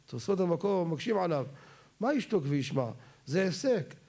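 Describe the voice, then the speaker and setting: A man delivers a Torah lecture on religious law. His voice sits a little high for a man yet sounds mellow and warm. He keeps putting questions to his listeners and then answers them himself. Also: very animated, gravelly.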